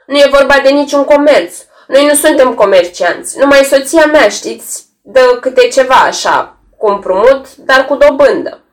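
A woman's voice: high voice, lively intonation, pitched above the performer's own voice. A woman voicing a frightened pleading tenant. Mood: agitated. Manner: pleading, agitated. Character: fearful pleading middle-aged man, a tenant.

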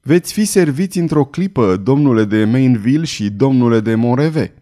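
A man's voice: mid-range voice, expressive, warm tone, close to an everyday voice. A man reading an audiobook, voicing a kind, emotional woman innkeeper in a raised, tremulous voice. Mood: tender. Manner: tremulous, pleading.

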